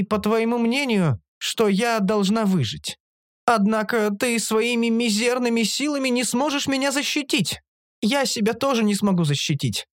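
A man voicing a calm, flat-spoken female monster. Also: extremely high pitch, no room sound, studio quality, pitched above the performer's own voice. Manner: calm, flatly reasoning, unbothered. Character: blunt, literal-minded female monster speaking in thoughts. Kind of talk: audiobook character voice.

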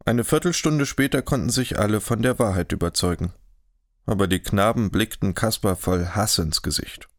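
A man narrating a historical novel in an audiobook, in a measured, even storytelling manner, close to the mic. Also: on the low side, dry recording. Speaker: audiobook reader. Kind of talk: scripted narration.

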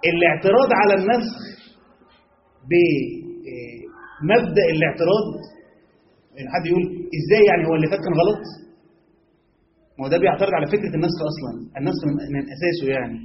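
High-voiced Egyptian man teaching a lesson. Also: lively intonation, rapid-fire, pauses often, roomy sound, muffled recording, a little hiss or hum. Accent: Egyptian Arabic. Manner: explains in colloquial Egyptian mixed with classical Arabic; rhetorical questions, stretched emphasis. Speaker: Quran commentary teacher. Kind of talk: religious lesson.

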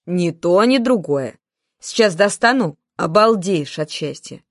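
A woman reading an audiobook voices a blustering, jokey middle-aged male boss who talks gruffly with slow, bossy emphasis. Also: fairly low pitch, expressive, no room sound, studio quality. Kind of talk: audiobook character voice.

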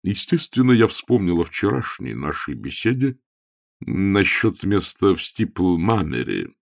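A man's voice: low-pitched, sing-song, unhurried, gravelly, no echo, clean studio sound, pitched above the performer's own voice, heavily acted. A man reading an audiobook voices a troubled, pompous elderly bishop who sighs over his troubles and quotes scripture. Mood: rueful. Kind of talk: audiobook character voice.

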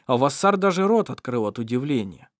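This is scripted narration from a male audiobook narrator with a mid-range voice. He reads at a steady, measured storytelling pace, and the studio sound is clean with no room echo.

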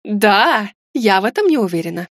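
A woman voicing a flustered, frightened young noblewoman who speaks in high, anxious exclamations. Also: big pitch swings, normal speed, no room sound, clean studio sound.

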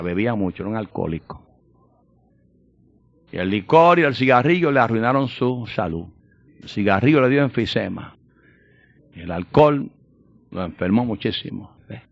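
Man, pastor, emphatic sermon, medium pitch, dry close sound. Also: animated, fairly quick, long pauses, dry recording. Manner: emphatic, swings from loud proclamation to quiet personal storytelling. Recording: dull lo-fi sound.

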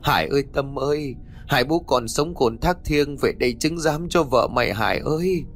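A man's voice: medium pitch, lively intonation, moderate pace, lightly acted. A man voicing a desperate old village father in a spoken ghost story, scolding and wailing at his daughter. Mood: mournful. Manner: harsh, scolding wails.

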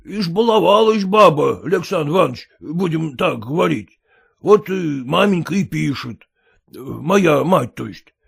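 A man voicing an illiterate, clumsy peasant who pleads in rustic, halting speech with fillers. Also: fairly high pitch, lively intonation, creaky, breathy edge, full character voice. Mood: pleading.

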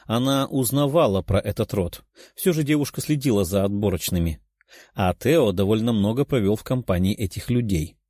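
A man narrating an audiobook in an even, measured reading. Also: on the low side, dry recording, studio quality.

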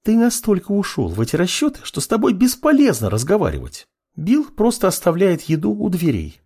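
A man voicing a playful, insistent young woman in an audiobook, using a high, raised voice. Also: huge pitch swings, fairly quick, darkish tone, slightly rough, exaggerated voice. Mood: teasing. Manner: teasing, pushy, raised high voice.

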